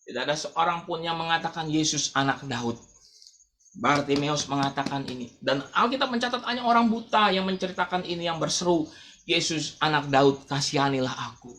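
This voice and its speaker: A man preaching a sermon as pastor of a church, dramatic and swinging between loud calls and quiet asides. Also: on the high side, animated, a little fast, a little hiss or hum. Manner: acts out the blind man's cry.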